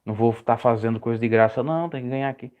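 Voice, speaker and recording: A man preaching casually on a live stream, rambling and correcting himself, his voice jumping high when he stresses a point. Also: fast talker, darkish tone, clear, resonant tone. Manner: rambling, self-correcting, pitch swings high when emphatic.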